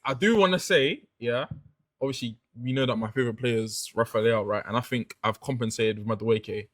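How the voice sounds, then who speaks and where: A young man with a mid-pitched voice, talking fast in a casual chat. He defends his opinions earnestly and stubbornly. His voice sounds dry and close. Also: dry recording.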